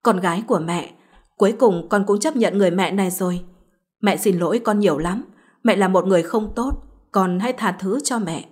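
A woman's voice: medium pitch, brisk, a little mellow, husky, natural voice. Woman reading a remorseful old housemaid. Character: scheming older housemaid, mother full of remorse.

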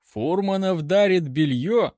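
A man's voice: high voice, very animated, slow, no room sound, studio quality, voice pushed up, full character voice. A man doing a smug sardonic general.

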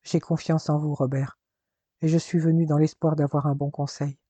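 A worried, polite young woman, read by a man in a soft, dark, mellow voice, recorded close and dry. She talks formally and pleads anxiously in a storybook reading. The pitch sits a bit high. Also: level tone, normal speed, no echo, natural voice.

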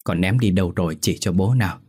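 A man's voice: deep voice, fast, a little mellow. A man voicing a poor, anxious village father who talks eagerly and pleads. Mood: coaxing.

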